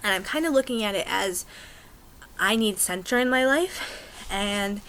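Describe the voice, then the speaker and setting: A young American woman talks straight to her camera in a rambling, chatty way, full of ums and small bursts of excitement. Her voice is bright and clear, at a middling pitch. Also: measured pace, slight background noise, low-quality recording. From United States. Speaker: pagan vlogger. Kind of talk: casual chat to camera.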